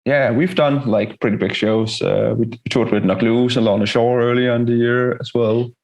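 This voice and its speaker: A man with a gravelly voice, laid-back and a little hesitant, chatting casually in an interview as a band musician. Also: medium pitch, fairly even intonation, moderate pace, darkish tone. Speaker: touring metal band musician being interviewed.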